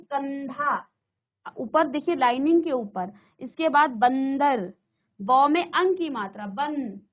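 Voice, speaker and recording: A woman teaching a Hindi grammar lesson in a virtual classroom. She asks the students questions, answers them herself, and slows down to stress the example words. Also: high voice, narrow, tinny audio.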